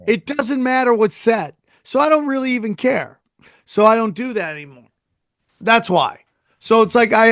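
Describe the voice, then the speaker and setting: Man, podcast host, slightly high voice, dry close sound, rambling casual chat. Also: a bit bright, no echo. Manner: loose, rambling, plugs his live dates.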